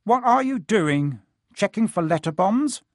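A man acts out a gruff, bullying middle-aged uncle from a storybook. He barks, sneers and mutters, quick to temper and full of bluster, in a close, dry recording. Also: sits high, animated, no echo, voice pushed up.

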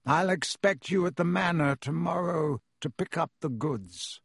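A haughty, icy nobleman wizard drawling his words slowly with contempt, put on by a male narrator. the voice sits a touch high and slightly husky, recorded close and dry with no room sound. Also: animated, a bit bright, no room sound, exaggerated voice. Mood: cold. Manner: icy, disdainful, clipped. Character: cold, haughty aristocratic wizard father.

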